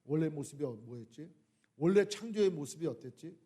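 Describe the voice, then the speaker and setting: Male preacher, higher pitched, impassioned sermon delivery with rhetorical questions, loud peaks and quiet drops. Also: lively intonation, a little fast, husky. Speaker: pastor. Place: church sanctuary.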